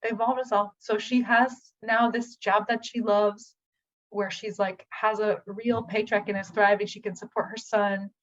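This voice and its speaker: Woman healer, chatty testimonial, filler-heavy, mid-pitched, muffled lo-fi audio. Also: unhurried. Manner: chatty, animated retelling with many fillers. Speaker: acupuncturist and healer. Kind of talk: personal testimonial. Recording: dull lo-fi recording.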